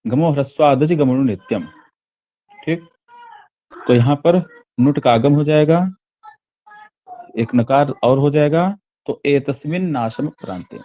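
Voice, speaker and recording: A man's voice: a little high, a little slow, pauses often, narrow, tinny audio. A man teaching a Sanskrit text: he reads each line, then explains it word by word, repeating and correcting himself as he goes.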